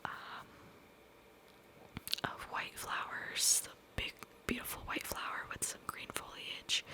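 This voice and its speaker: A woman tells a personal story in ASMR style, in a breathy, intimate cupped-hand whisper with a rambling, hesitant delivery. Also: bright, forceful tone, rough recording. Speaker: ASMR video creator.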